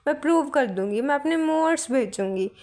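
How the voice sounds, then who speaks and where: A woman's voice: high-pitched, animated, a little fast, darkish tone. A woman voicing a stubborn young woman who firmly defends her family's land. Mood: defiant. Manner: defiant, firm. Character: stubborn young woman, landowner's daughter, defiant.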